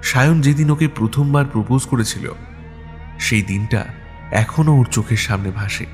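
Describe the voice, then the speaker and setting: Steady male story narrator. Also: medium pitch, moderate pace, soft background music.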